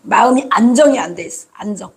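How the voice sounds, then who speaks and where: Male preacher, gravelly and very high, chatty sermon that acts out prayers. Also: lively intonation, quick pace. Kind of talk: conversational sermon.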